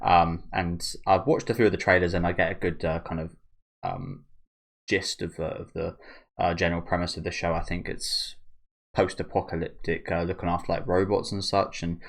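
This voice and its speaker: A man's voice: low voice, lively intonation, normal speed, vocal fry. A man giving casual, rambling reaction commentary as the host of a video channel.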